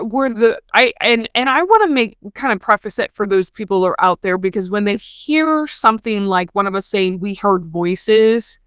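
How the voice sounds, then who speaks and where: A woman's voice: medium pitch, fairly bright tone, smooth, dry recording, studio quality. A woman hosting an interview, asking follow-up questions and responding in an engaged, affirming way. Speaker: podcast host. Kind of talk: conversational interview.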